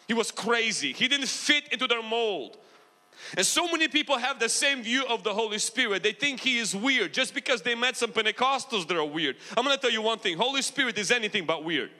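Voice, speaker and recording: With a very high, pushed, bright voice, a man of mixed Ukrainian and American accent preaches to a large Pentecostal church. His intensity climbs as he prompts the congregation to respond, all ringing with long hall reverb.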